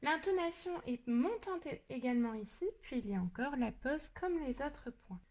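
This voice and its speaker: A French woman teaching reading to young pupils, explaining calmly and speaking to the child as tu, then acting out example sentences with strong emotion. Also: high voice, moderate pace. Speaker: primary school teacher.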